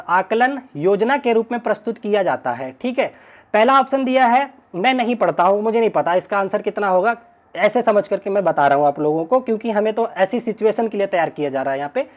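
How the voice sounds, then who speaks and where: A high-voiced male teacher leads an online exam-prep session, recorded with lo-fi sound. He's talkative and repeatedly checks in with his students with "ठीक है ना".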